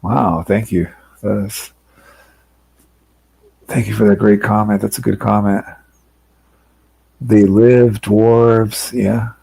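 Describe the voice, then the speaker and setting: A man's voice: lowish voice, fairly even intonation, slow, creaky, pauses often, warm tone, slightly rough, no echo, rough recording. A man hosting a late-night stream, reading chat comments aloud and chatting casually with a co-host, laughing often. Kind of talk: casual chat while watching videos.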